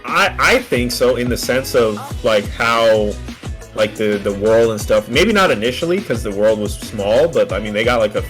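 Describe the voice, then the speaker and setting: A man's voice: mid-range voice, lively intonation, moderate pace, a bit bright. A young man chatting casually about games in a rambling, slangy way with frequent swearing. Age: young adult. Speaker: podcast co-host. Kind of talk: casual gaming chat. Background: music in the background.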